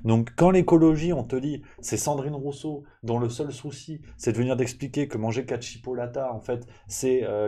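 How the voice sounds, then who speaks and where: A man's voice: mid-range voice, warm tone, slightly rough. A man hosting a live press review, ranting in a casual, sarcastic way with many fillers and restarts, plainly annoyed. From France.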